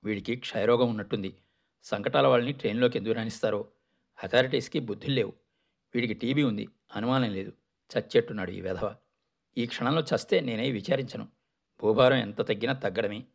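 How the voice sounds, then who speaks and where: A man reads out a sour, irritable traveller who grumbles under his breath at everyone around him. His voice has a gravelly texture at an ordinary pitch, full of contempt. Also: brisk, long pauses. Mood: disgusted. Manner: scornful, muttering complaints. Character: irritable grumbling male train passenger.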